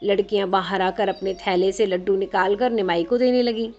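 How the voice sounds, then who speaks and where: A woman storyteller narrates a devotional tale in a gentle, expressive voice, her pitch sitting in an ordinary middle range. The audio is slightly muffled and lacks crispness. Soft music plays faintly underneath her reading. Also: normal speed.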